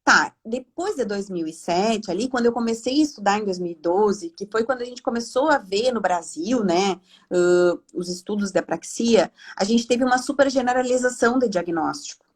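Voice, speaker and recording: Husky woman explaining chattily. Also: medium pitch, lively intonation, moderate pace. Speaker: speech therapist guest. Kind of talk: live online talk. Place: home. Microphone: video call.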